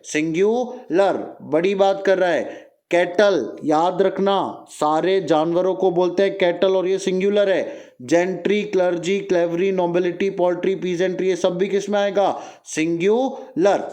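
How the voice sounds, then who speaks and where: A young man teaching an exam-prep grammar lesson, repeating phrases and firing quick questions at his students. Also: high voice, steady tone, darkish tone.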